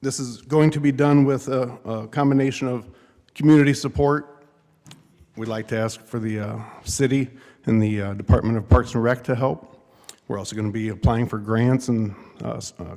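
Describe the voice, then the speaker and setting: A man making a measured, earnest public comment at a council podium, with occasional hesitations. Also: mid-range voice, darkish tone. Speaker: public commenter, nonprofit founder. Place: city council chamber. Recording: echoey hall with long reverb.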